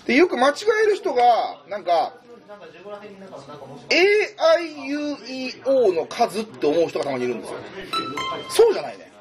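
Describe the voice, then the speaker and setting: A man's voice: very high voice, very animated, normal speed. A man tutoring in a casual, chatty way, thinking aloud as he explains. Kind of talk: casual whiteboard lesson.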